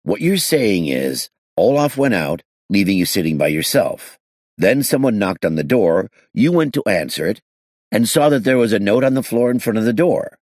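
A man's voice: on the low side, big pitch swings, moderate pace, a little mellow, dry recording, voice pushed up. A man voicing a glum male police inspector who questions in a dry, curt way.

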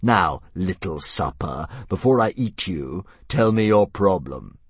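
A man voicing a huge, sleepy, smugly polite old male dragon who speaks with slow courteous menace. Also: low-pitched, lively intonation, slightly rough, no room sound, full character voice.

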